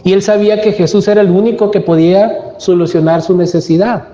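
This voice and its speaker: A man's voice: high-pitched, mellow, reverberant, long reverb tail, dull audio. A man preaching a sermon as pastor, emphatic and full of rhetorical questions. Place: church.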